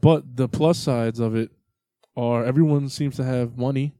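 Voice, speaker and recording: A man's voice: medium pitch, fairly even intonation, moderate pace, dark tone, no room sound, studio quality. A man co-hosting a casual podcast, joking crudely and slipping into silly put-on voices. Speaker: podcast co-host.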